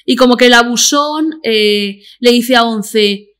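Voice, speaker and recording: A woman guest on a chat podcast, telling stories in a blunt, sarcastic, rapid-fire way. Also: on the high side, a bit bright. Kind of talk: casual chat.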